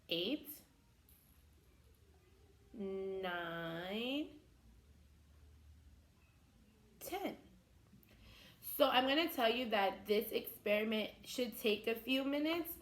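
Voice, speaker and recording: Here a woman with a medium-pitched, fairly bright voice hosts a science activity for young children. She teaches them one step at a time in the style of a kids' show host.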